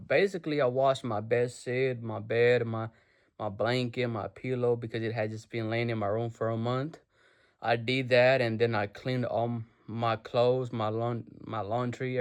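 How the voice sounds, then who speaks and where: Talking straight to the camera from his bedroom, a young Nepali vlogger pushes a motivational point, slangy and loose, swearing freely and calling viewers bro. His voice is a typical middle male pitch, a little mellow, coming in easy casual bursts.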